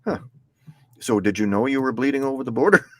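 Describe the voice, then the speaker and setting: A man's voice: mid-range voice, animated, fast, a bit bright, slight background noise. A man hosting a casual interview over a video call, easygoing, often chuckling, and reading out questions from viewers. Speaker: host.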